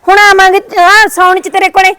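A woman plays a niece in a village family skit, coaxing and placating in a high voice with a Punjabi accent. The sound is close and dry. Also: level tone, fairly quick, pushed and bright, no echo. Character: niece coaxing her angry aunt home.

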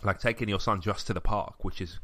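A young man with a fairly low voice talks through a personal story on a podcast. He is reflective and easygoing, with frequent fillers and restarts. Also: fairly even intonation, a little fast, fairly bright tone. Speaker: podcast co-host. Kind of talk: casual chat.

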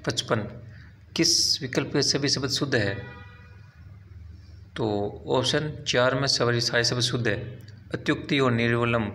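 A man's voice: medium pitch, fairly even intonation, measured pace, pauses often, bright, forceful tone, slight background noise. A man teaching, working through quiz questions one by one and explaining each answer step by step, now and then correcting himself. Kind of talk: exam quiz walkthrough.

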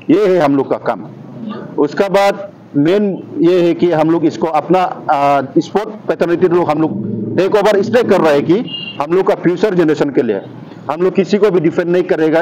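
A man's voice: fairly high pitch, warm tone, muffled recording. Earnest young man at a press briefing. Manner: earnest, appealing to the public, lists many groups. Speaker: sports association official. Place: outdoor rooftop terrace. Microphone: table microphones.

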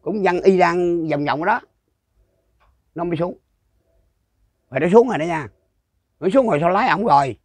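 A man's voice: high voice, moderate pace, long pauses, breathy edge, no echo. Older Southern Vietnamese man telling ghost tales. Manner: rambling, repetitive, with frequent restarts. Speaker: storyteller interviewee. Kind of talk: casual folk storytelling.

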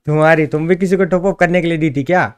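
Scolding young man, higher voice. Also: fairly even intonation, fast talker, clean tone. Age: young adult. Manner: scolding, repeats "bhai" and "yaar". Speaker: gaming vlogger. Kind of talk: casual scolding chat on a call.

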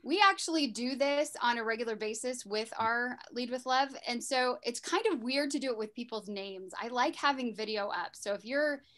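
A woman's voice: on the high side, moderate pace, hardly any pauses, fairly bright tone. A woman introducing a talk as moderator of a video call, in a friendly, loose way with many ums. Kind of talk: casual online meeting intro.

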